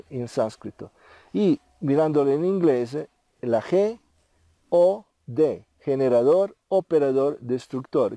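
A male meditation teacher lectures in a patient, explanatory way, asking himself questions and checking that his listeners follow along. His voice sits a little high but sounds deeply mellow and warm. The recording is dry and close, with almost no room sound. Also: dry recording. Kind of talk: spiritual lecture.

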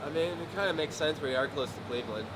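Young man, high lively voice, teasing, swearing, exasperated, loud vehicle noise. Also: fast. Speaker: friend on the vlog. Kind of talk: casual chat. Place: in a vehicle at an airport.

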